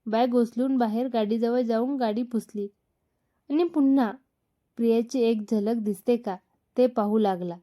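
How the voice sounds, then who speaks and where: A woman narrating a romantic story in a calm, measured storytelling manner. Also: on the high side.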